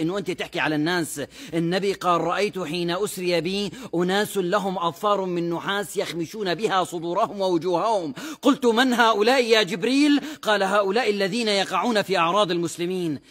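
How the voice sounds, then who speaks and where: A man's voice: high voice, fairly bright tone. A man giving short religious advice talks as a preacher, earnest and explanatory, quoting scripture at length. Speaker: Islamic preacher.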